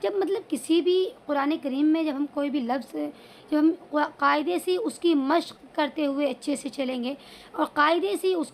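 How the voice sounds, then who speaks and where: A woman teaching Quran reading, drawing out letters and vowel marks syllable by syllable, then explaining in brisk asides. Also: high-pitched, a little hiss or hum. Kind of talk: slow syllable-by-syllable recitation lesson.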